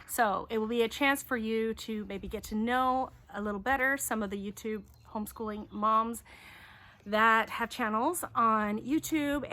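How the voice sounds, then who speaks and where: Middle-aged woman, vlog host, chatty and upbeat, bright voice, casual talk outside. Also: on the high side. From Taiwan. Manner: chatty, answering questions in turn. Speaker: homeschooling YouTube host. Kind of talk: casual chat. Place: outdoors.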